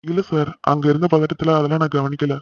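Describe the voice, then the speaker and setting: A man voicing an injured young husband who reassures his family and brushes off their worry, in an amateur animated serial. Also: fairly high pitch, fast talker, dull audio, natural voice. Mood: polite.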